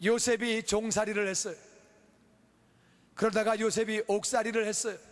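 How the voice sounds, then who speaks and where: A man with a strikingly high voice preaches fervently, repeating his key lines for emphasis. His words ring out with a long reverb that fills the church hall. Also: normal speed, a bit bright. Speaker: pastor. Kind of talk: sermon. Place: church sanctuary.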